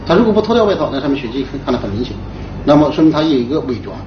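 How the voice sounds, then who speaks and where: A man's voice: medium pitch, very animated, very fast. A male investigator explaining a case in an interview, going through it point by point. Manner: enumerates points methodically. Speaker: police investigator giving an interview. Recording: echoey, distant, dull, noisy room.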